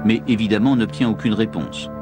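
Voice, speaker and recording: A man's voice: fairly low pitch, steady tone, a little fast. Male documentary narrator over music. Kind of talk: dramatic scripted narration.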